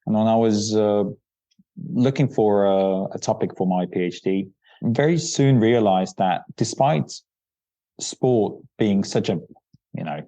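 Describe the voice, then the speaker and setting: A man's voice: lowish voice, mellow, dry recording. A middle-aged man born in Croatia and raised in Austria, an academic guest answering interview questions hesitantly with many fillers. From born in Croatia, raised near Vienna, Austria. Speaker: academic researcher, podcast guest. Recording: dull, dry lo-fi remote line.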